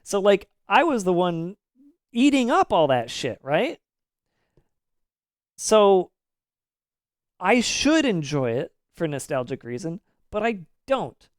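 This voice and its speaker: A man in his thirties rants through a live game stream in a fairly high, smooth voice. He is opinionated and swears casually, and the sound is dry and close, with no room echo. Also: very animated, slow pace, long pauses.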